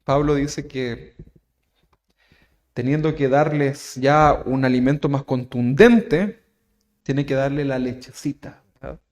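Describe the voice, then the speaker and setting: A man with a Chilean accent preaching a sermon as pastor, asking his listeners questions and tagging lines with "¿verdad?", swinging from loud emphatic phrases to soft asides. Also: medium pitch, takes it slowly. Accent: Chilean Spanish. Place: church.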